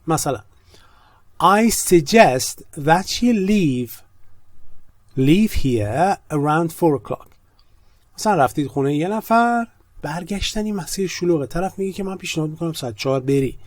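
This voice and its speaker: A man whose first language is Persian teaches an English grammar lesson in a slightly raised voice. The sound is close and dry, with no room around it. He talks quickly when he explains and slows to a careful, deliberate pace when he reads the example sentences. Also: fairly high pitch, darkish tone, no echo.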